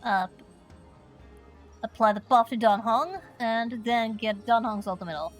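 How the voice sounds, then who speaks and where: A woman's voice: fairly high pitch, slow pace, faint music behind. A woman giving casual commentary as she plays through a game.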